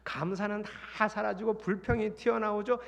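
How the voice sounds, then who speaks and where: A middle-aged man preaching a sermon as a pastor, lively and acting out the voices he quotes. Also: high-pitched, moderate pace, vocal fry. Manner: lively, acts out quoted voices, sings hymn lines. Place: large church sanctuary. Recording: long hall reverb.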